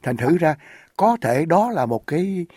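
A man's voice: fairly high pitch, very animated, measured pace, a little mellow, breathy edge, no room sound, clean studio sound. A man hosting a radio interview, polite and deferential, with frequent fillers. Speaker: radio host.

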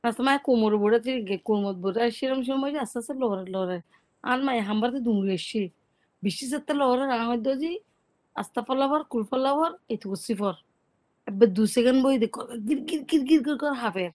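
A woman's voice: a little high, fast talker, darkish tone. A woman who is a native Rohingya speaker, giving a conversational first-hand account and often repeating words. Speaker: interviewee recounting an eyewitness experience.

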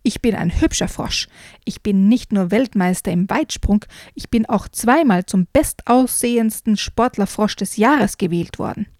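A woman's voice: medium pitch, a little slow, a little mellow, dry recording, clean studio sound, natural voice. A woman voicing a vain, proud frog father in a storybook, indignant and self-important.

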